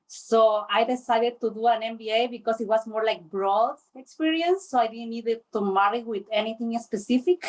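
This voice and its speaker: Chilean woman, high-pitched and unhurried. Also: low-quality recording. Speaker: panelist. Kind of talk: online panel talk.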